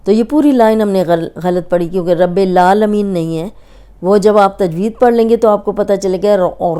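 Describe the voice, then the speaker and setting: A woman gives a recorded tajweed lesson. Her voice is warm, mellow and smooth. She explains with patience and draws out single letter sounds to show how each one should be said. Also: medium pitch. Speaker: Quran recitation teacher.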